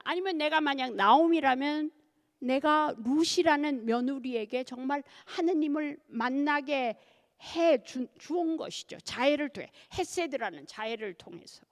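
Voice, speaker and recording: An older nun speaks with a Gyeongsang Korean accent in a somewhat high, gravelly voice. Her pitch swings widely as she tells her story to a church audience. She keeps putting questions to her listeners. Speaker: nun giving a parish lecture. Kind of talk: church lecture. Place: church hall.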